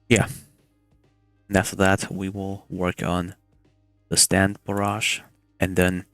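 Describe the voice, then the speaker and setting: A young man talks through a casual game development tutorial in a hushed, quiet-at-night voice. It sits low and has a gravelly fry to it. The sound is close and dry, with faint music underneath. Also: no echo. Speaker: tutorial host.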